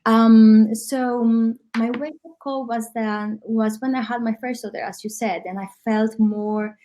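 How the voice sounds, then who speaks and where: A woman from Greece, a coach who speaks as guest in an online workshop, reflective and often pausing with um. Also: fairly high pitch, fairly even intonation, warm tone. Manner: reflective, with frequent ums.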